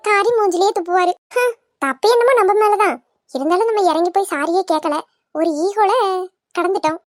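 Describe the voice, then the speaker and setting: A woman doing a crafty young wife in a cartoon, wheedling and pleading in a very high, sugary voice. She talks. The sound is close and dry, with no room. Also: no echo. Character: cunning young wife, sweet-talking schemer. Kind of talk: cartoon voice acting.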